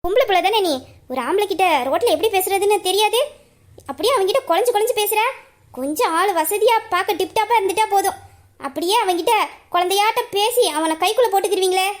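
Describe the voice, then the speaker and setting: A woman voicing a spiteful, scornful young woman who hurls fast, sneering insults in a drama. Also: extremely high pitch.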